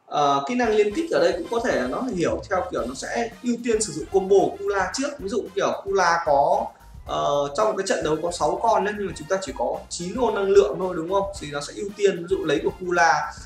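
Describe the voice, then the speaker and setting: Casting: male mobile-game YouTuber, slightly high voice, roomy echo with game music. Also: expressive, fast. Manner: chatty, often asks "right, guys?". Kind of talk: casual gameplay commentary. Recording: echoey room with game music.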